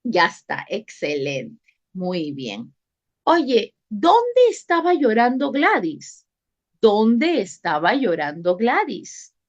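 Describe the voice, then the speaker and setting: Patient woman teacher, slow and lively. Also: mid-range voice. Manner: patient, repeats questions and calls on students by name. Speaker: English teacher. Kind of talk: online class teaching. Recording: dull lo-fi online class audio.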